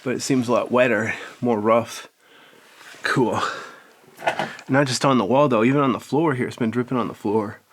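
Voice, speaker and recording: A man talking casually as a laid-back cave guide, explaining things to viewers as he explores inside a cave. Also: medium pitch. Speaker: caver guiding viewers through a cave. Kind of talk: casual on-the-move vlog narration. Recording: clear noise, clicks, inside a cave.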